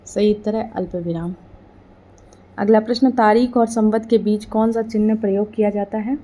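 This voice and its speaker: A woman presenting an exam-preparation quiz, reading each question and then its answer in a steady, formulaic delivery. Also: mid-range voice, normal speed.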